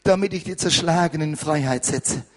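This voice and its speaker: An older man preaching an impassioned sermon as pastor, hurried and fervent, at times rising to a shout. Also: fairly high pitch.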